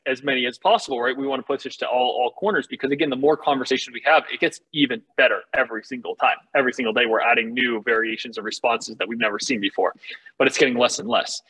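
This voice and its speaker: Husky, bright-voiced man giving a confident startup pitch. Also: poor audio. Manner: casual, candid, salesy explaining. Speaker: startup founder pitching for funding.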